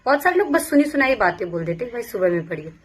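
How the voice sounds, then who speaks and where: A woman's voice: on the high side, big pitch swings, rapid-fire, breathy edge. A young woman from Bihar, a police sub-inspector, giving casual, earnest study advice to exam aspirants and repeating her points as she goes. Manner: earnest, repetitive, speaks in first-person plural.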